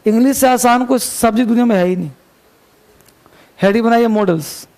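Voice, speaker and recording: A man's voice: very high voice, a little fast, darkish tone. A man teaching an English grammar class, chatty and joking, quizzing his students as he goes. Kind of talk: classroom lecture.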